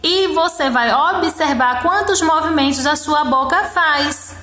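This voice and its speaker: A woman teacher with a Brazilian Portuguese accent, explaining a workbook lesson to young children and counting syllables slowly one by one. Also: sits high, sharp tone, roomy sound. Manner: slow, syllable-by-syllable counting, encouraging. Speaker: primary school teacher.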